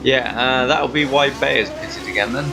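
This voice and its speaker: A man's voice: medium pitch, moderate pace, gravelly, background noise. Bantering male race commentator. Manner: chatty, self-correcting, bantering. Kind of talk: casual sim-racing commentary. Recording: music playing behind.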